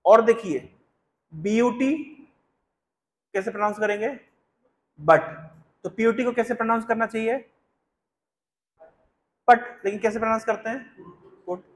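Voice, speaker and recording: Spiritual teacher, male, high-pitched voice, explains step by step and keeps questioning his listeners. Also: steady tone, fairly quick, pauses often. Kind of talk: Hindi discourse with chanted Sanskrit verse.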